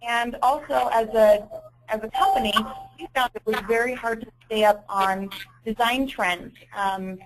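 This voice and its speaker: A woman's voice: on the high side, measured pace, low-quality recording. A woman presenting a business training webinar in an informal, self-correcting way, heard over a conference call. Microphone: conference call audio.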